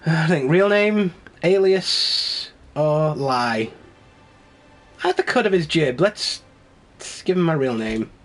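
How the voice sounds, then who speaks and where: Snuffly from a cold, a man speaks slowly in a fairly high voice with lively intonation while playing a video game. As a let's play host, he offers casual, rambling, wry commentary punctuated by frequent laughs.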